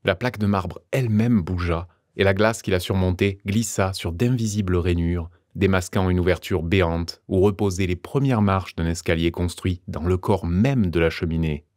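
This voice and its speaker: Male narrator, audiobook reading, low voice, dry close sound. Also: no echo. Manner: measured, expressive reading. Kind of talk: scripted narration.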